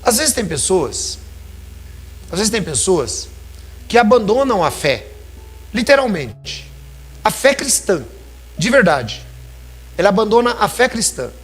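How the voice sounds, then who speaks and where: A man's voice: high voice, sing-song, unhurried, pauses often, a bit bright, breathy edge, faint music behind. A man preaching a sermon in a church, talking conversationally and calling his listeners brothers.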